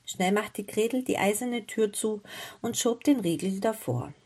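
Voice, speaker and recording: A woman reading a fairy tale aloud as storyteller, in a gentle, measured way. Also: mid-range voice, animated, husky.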